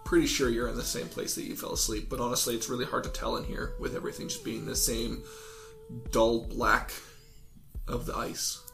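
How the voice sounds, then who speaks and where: A man improvising narration as a game master, informal and a little halting. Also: mid-range voice, vocal fry, fairly bright tone.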